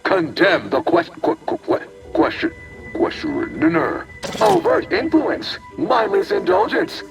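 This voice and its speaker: Glitching, stuttering AI computer. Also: male voice, very high-pitched, huge pitch swings, takes it slowly, gravelly, distant mic, loud music behind the voice, heavily acted. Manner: stiff formal machine diction breaking into stutters. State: glitching, stuck repeating syllables and words. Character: malfunctioning male AI computer, cold and controlling. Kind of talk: video game character dialogue.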